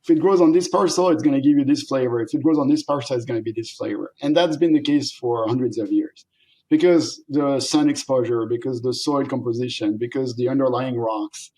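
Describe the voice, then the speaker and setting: A middle-aged company founder from France speaks with a French accent in a casual interview, his medium-pitched voice brisk over a rough recording. He talks animatedly, laughs often, and acts out quoted voices.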